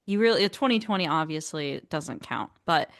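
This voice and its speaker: A woman's voice: deep voice, expressive, moderate pace. A woman co-hosting a casual sports podcast, thinking aloud over numbers with lots of "like". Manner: thoughtful, lists numbers with filler "like". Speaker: podcast co-host.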